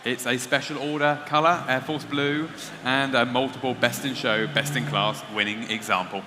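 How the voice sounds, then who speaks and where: A man's voice: medium pitch, steady tone, normal speed. A man announcing lots at an auction, reading catalogue descriptions aloud. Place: large auction room. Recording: echoey auction hall, faint background noise.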